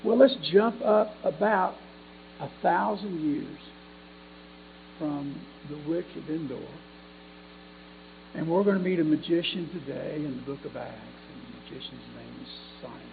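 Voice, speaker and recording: A man's voice: fairly high pitch, a little slow, vocal fry. A man preaching a sermon, talking in a loose, rambling way, often restarting his phrases and then reading scripture aloud. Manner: rambling, self-correcting, conversational. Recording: tinny phone-like sound with faint mains hum.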